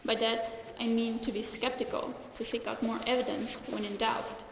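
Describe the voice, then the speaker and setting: A woman's voice: fairly high pitch, little pitch movement, moderate pace, background noise. A young woman from Slovenia giving a formal graduation speech in English at a lectern, speaking earnestly and carefully from notes, with a few small restarts. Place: large hall. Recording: echoey hall with faint ambience.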